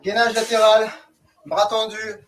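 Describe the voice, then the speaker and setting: A man's voice: high voice, little pitch movement, unhurried, fairly bright tone, faint music behind. A man coaching a group workout, giving short, commanding and encouraging instructions. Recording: distant mic, noisy background, clicks.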